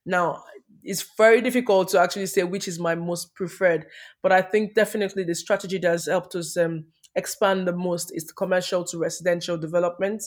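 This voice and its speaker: A woman's voice: lowish voice, fairly even intonation, fairly quick. A woman talking casually as an interview guest, upbeat but often stumbling and repeating words as she explains her work. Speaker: podcast guest, property developer.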